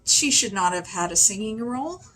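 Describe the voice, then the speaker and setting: A woman reviewing a film in a casual, opinionated way, chatty and animated, with sudden high exclamations. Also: moderate pace, rough recording. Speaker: video reviewer.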